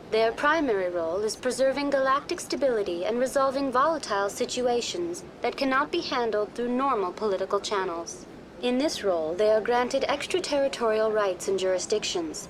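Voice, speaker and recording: Avina, high-voiced virtual tour guide played by a woman. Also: noisy background, natural voice. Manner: formal, polite, measured, impersonal. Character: courteous female virtual intelligence tour guide on a space station. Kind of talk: scripted informational game dialogue.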